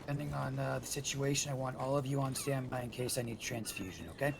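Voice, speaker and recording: A man in a game roleplay who talks in a quick, clipped way. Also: medium pitch, steady tone, gravelly. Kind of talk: in-character roleplay chat. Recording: loud game noise behind.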